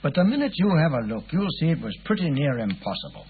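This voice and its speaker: A muffled vintage radio recording of a weary, puzzled English police inspector. The voice is husky and fairly high for a man, with a hesitant, chatty, deferential manner. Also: very animated, fast talker, heavily acted. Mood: confiding. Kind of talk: 1950s radio drama acting.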